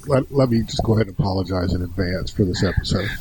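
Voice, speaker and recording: A man's voice: sits low, fast, a little mellow, a little hiss or hum, poor audio. A man co-hosting a casual podcast, speaking in a dry, wry and somewhat hesitant way. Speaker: podcast co-host.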